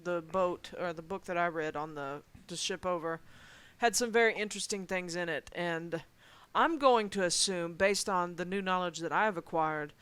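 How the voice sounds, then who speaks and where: A woman playing her character in a tabletop game, talking thoughtfully and deliberately. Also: lowish voice, a bit bright, smooth, dry recording. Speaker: player. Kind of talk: in-character tabletop role-play.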